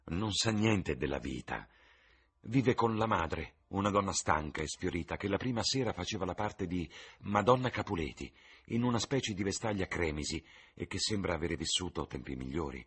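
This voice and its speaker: A man's voice: sits low, expressive, moderate pace, a bit bright, slightly rough, full character voice. A man reading an audiobook, voicing an ardent, infatuated young man with eager, rising enthusiasm.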